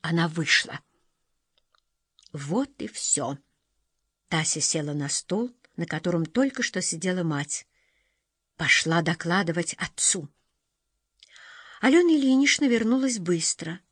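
A woman reading a novel aloud as audiobook narrator in a measured, expressive way. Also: on the low side, breathy edge, dry recording, studio quality. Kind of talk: scripted narration.

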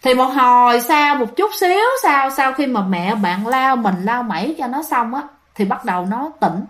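Woman ghost-story teller, high voice, chatty and dramatic. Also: animated, moderate pace. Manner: chatty, dramatic, addresses listeners. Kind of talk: casual storytelling to listeners.

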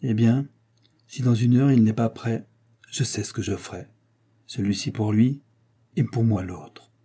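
Resolute young nobleman, as a male reader puts him on, low, mellow, husky, grave. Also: fairly even intonation, measured pace. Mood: grim.

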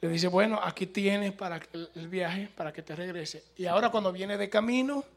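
A man with a high voice preaches to his congregation, telling a story with lively swings from loud exclamations to hushed quoted lines. He speaks to the listeners directly, in an animated sermon style. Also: normal speed.

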